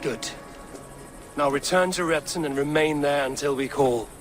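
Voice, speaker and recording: An actor playing a stern, commanding Viking warrior who speaks tersely, in a video game cutscene. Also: male voice, a little high, moderate pace, lightly acted. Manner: terse, authoritative. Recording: music under dialogue.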